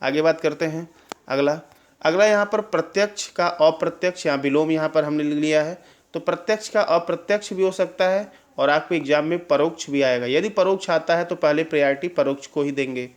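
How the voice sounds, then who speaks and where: Male exam tutor, slightly high voice, drilling style with constant check-ins. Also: brisk. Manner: drills answers with repeated questions and "clear?" checks. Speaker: exam-prep teacher. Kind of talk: Hindi spelling lesson.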